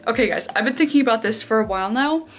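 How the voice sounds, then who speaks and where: A woman's voice: fairly high pitch, expressive, fast talker, soft background music. A young woman vlogging at home in her bedroom, chatting casually with lots of fillers. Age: young adult. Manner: bubbly, chatty, many "like" fillers. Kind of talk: casual vlog chat.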